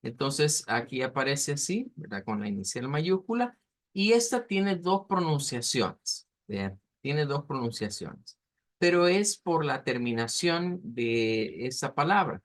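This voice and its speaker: A man teaching an online language class, explaining step by step and slowly modeling pronunciation. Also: mid-range voice, very animated.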